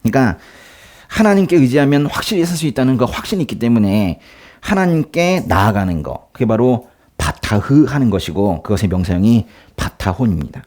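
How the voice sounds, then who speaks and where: A male pastor delivers a Sunday sermon in an animated, chatty style. His pitch swings widely as he explains verses and acts out quotes. He sounds like he is teaching a church congregation. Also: brisk. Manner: lively, explanatory preaching with laughs and dramatic quoted lines.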